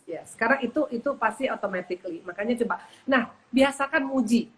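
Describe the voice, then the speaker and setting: Middle-aged woman giving church advice super fast, lots of acted-out quotes. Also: on the high side, low-quality recording. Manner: lively, acts out quoted speech in varied tones. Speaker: women's ministry speaker.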